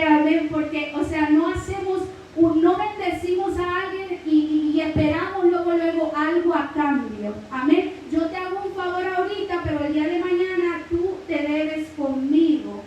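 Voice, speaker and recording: A woman's voice: very high-pitched, a little mellow. A woman from Mexico with a Guerrero Mexican Spanish accent, preaching a church Bible lesson. She fills her teaching with frequent "amen" and praise phrases and calls her listeners brother. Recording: very echoey hall, mic at a distance, faint hiss.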